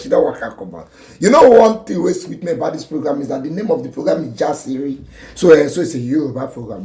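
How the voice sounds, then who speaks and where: A man's voice: on the high side, creaky, roomy sound. A Nigerian man giving casual, opinionated reaction commentary in colloquial, Pidgin-flavoured speech. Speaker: video commentator.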